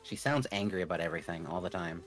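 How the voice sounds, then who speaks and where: A man's voice: deep voice, lively intonation, fast, low-quality recording. A man co-hosting a casual live stream, making dry joking remarks. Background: faint background music.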